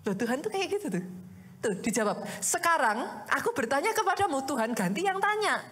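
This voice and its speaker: A woman pastor preaching a sermon in a lively, conversational way, full of rhetorical questions and direct address to the congregation. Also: high voice, brisk. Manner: addresses the congregation often as "Saudara".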